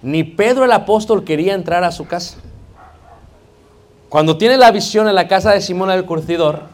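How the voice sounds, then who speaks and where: A man's voice: high-pitched, normal speed. A man with a Mexican Spanish accent preaching a sermon in a conversational, joking way, often calling out to the congregation. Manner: conversational, joking, keeps addressing the congregation as brothers.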